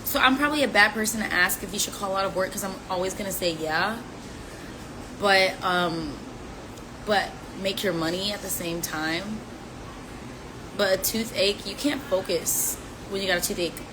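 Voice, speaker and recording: Answering fan questions on a phone live stream, a twentysomething woman speaks at normal speed in a medium-pitched voice, chatting casually, teasing, and tossing out playful rhymes. Background noise is audible in the phone-mic audio.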